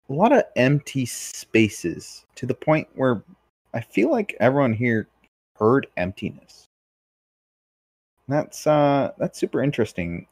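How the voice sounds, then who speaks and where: A man's voice: lowish voice, darkish tone, no room sound. A man hosting a casual discussion, reflective and asking probing questions. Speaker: host.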